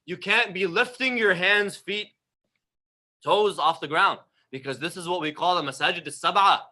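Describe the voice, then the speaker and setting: A man's voice: high voice, bright, forceful tone. A man giving a religious lecture, direct and emphatic, full of rhetorical questions aimed at his listeners. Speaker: religious teacher.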